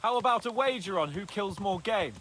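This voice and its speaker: An actor playing a cocky, high-spirited young nobleman in a video game, boastful and theatrical but fond of his companion. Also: lively intonation, a little fast, a bit bright. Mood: exuberant. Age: young adult.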